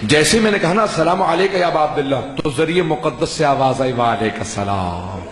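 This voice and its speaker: Echoey high-voiced man preaching a sermon. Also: fairly even intonation. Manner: raised, drawn-out preaching delivery, slowing on key phrases. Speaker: religious scholar giving a majlis sermon. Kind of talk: impassioned Urdu sermon with storytelling. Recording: echoey hall with faint ambience.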